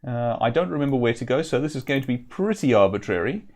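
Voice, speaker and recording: A man's voice: mid-range voice, expressive, fast, a little mellow. Man casually streaming with dry asides. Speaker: game streamer. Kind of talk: casual game commentary and reading aloud.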